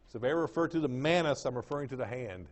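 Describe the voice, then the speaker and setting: A man's voice: medium pitch, lively intonation, very fast. A man with an East Texas drawl teaching an anatomy class, repeating key terms and checking that the class follows. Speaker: anatomy lecturer. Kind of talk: classroom lecture. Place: lecture room.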